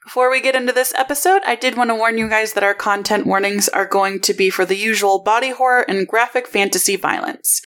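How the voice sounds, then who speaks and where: A woman with a creaky voice reading scripted announcements and story recaps as a podcast host. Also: mid-range voice, steady tone, fairly quick, few pauses, a bit bright.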